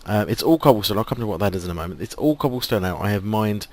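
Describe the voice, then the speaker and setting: An English gaming video host talks animatedly and at a quick pace in a fairly low voice. He's casually commentating on his let's play, thinking out loud with lots of ums as he loses his voice.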